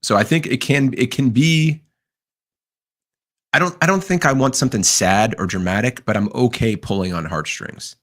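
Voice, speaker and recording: A man's voice: medium pitch, normal speed, a bit bright. A man co-hosting a casual podcast, earnestly arguing his point with enthusiasm. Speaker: podcast co-host. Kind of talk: casual chat.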